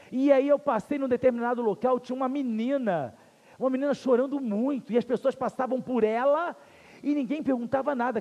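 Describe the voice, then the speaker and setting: A Brazilian-accented male pastor delivers an earnest sermon, leaning on slow repetition and rhetorical questions. His voice sits very high yet soft and mellow. The sound rings with the long reverb of a church hall. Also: highs cut off. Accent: Brazilian Portuguese. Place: church sanctuary.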